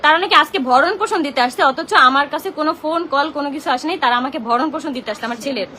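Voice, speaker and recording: A young Bangladeshi woman talks in a very high voice on her phone during a live stream, her tone bright and piercing. She complains in an agitated, confrontational way. A faint noise runs behind her. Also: racing. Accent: Bangladeshi Bengali. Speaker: social media livestreamer. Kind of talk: emotional live-stream rant.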